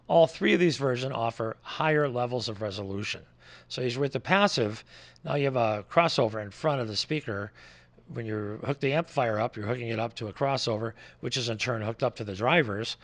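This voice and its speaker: This man, a loudspeaker distributor, has a medium-pitched voice with vocal fry. He gives an informal, chatty overview of the products, explaining them as a distributor would.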